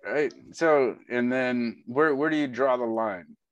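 A man joining a casual debate over a video call, blunt and profane, reasoning out loud with restarts. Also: medium pitch, unhurried, clear, resonant tone, no echo, lo-fi sound.

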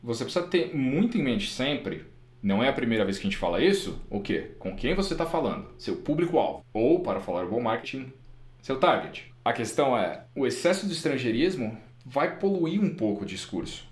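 A man with a Brazilian Portuguese accent talks a little fast at a medium pitch in an echoey room. He's a podcast co-host and interpreter, chatting casually in an animated, emphatic way and laughing often.

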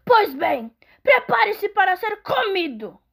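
A woman voicing a greedy, bad-tempered old male troll who roars threats, pitched well above her usual voice. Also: big pitch swings, slow, vocal fry, a bit bright, exaggerated voice. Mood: roaring. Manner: roaring, threatening.

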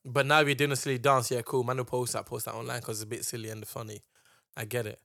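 A young man with an urban London roadman accent talks in casual, slang-heavy banter. His voice sits at a middle pitch and is emphatic, recorded dry and close. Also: little pitch movement, fast talker, gravelly, pushed and bright, no echo. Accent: London, urban roadman slang style. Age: young adult.

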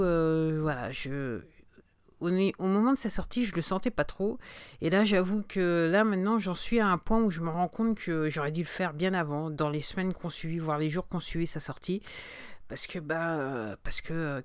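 Woman, 50s, solo podcast host; halting, casual delivery, smooth and clear tone, dry close sound. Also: fairly low pitch, no room sound. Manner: hesitant, many pauses and restarts. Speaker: singer-songwriter hosting a podcast.

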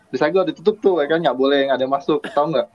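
Male co-host, mid pitch, joking storyteller, muffled lo-fi recording. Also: quick pace. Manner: storytelling, joking, mimics accents. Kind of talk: casual chat. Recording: dull lo-fi sound.

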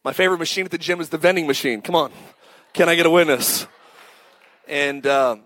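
A man's voice: a little high, a little fast, a bit bright. A man in his thirties preaching a sermon, joking and punchy, calling out to the congregation. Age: 30s. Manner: joking, punchy preaching with call-outs to the crowd. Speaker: pastor.

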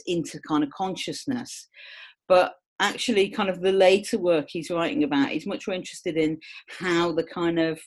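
A woman with a somewhat low-pitched voice explains ideas in a loose, conversational way. She rambles and restarts, fills her sentences with "you know" and "kind of," and pokes fun at herself as she goes. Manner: chatty, self-mocking, lively. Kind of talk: casual explanatory chat.

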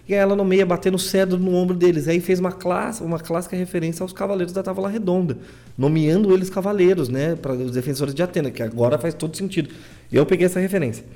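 A man's voice: on the high side, mellow. A young man giving a casual, rambling recap of anime episodes, stumbling and repeating words as he goes. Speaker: anime reviewer.

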